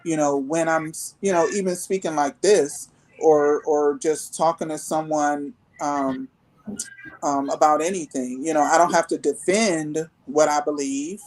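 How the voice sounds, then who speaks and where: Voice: mid-range voice, darkish tone, poor audio. A guest in a live online group discussion who speaks thoughtfully and hesitantly, with many filler ums.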